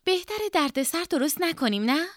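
A man voicing a cool, composed young woman who talks calmly and with poise. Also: very high-pitched, dry recording, studio quality, voice pushed up.

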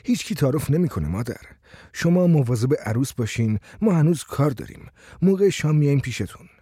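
A man's voice: fairly high pitch, big pitch swings, mellow, husky, dry recording, studio quality. A man reading a story voices a frank, easygoing laborer who talks bluntly. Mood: reassuring. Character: blunt, plain-spoken male laborer.

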